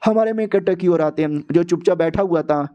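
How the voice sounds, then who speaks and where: A man's voice: high voice, fast talker, dark tone, lo-fi sound. A man casually retelling a comic story in a chatty, slangy way. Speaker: narrator.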